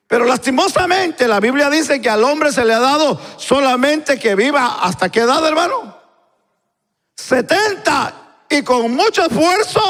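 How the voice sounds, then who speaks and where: A man preaching a sermon, swinging between loud preaching and quiet asides. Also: very high voice. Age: 50s. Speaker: pastor. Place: church sanctuary. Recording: live church recording with long reverb.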